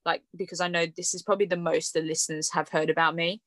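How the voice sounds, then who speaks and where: A young woman talks in a casual podcast chat, her voice sitting on the lower side. The sound is dry and close, with no room around it. She rambles easily, full of fillers and quick laughs. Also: fairly even intonation, fairly bright tone, dry recording. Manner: chatty, fillers like "like" and "um", laughs often. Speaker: podcast host.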